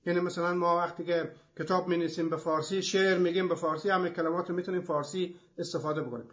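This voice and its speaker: The host of a language programme, a man with a high, slightly bright voice and fairly even intonation, delivers a methodical, explanatory lecture. He takes his points one example at a time, and the recording sounds dull and lo-fi.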